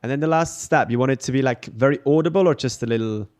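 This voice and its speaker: A man's voice: medium pitch, fast, darkish tone. A man talking casually while he works on a musical arrangement in a session. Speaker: musician arranging parts live. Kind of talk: casual studio talk.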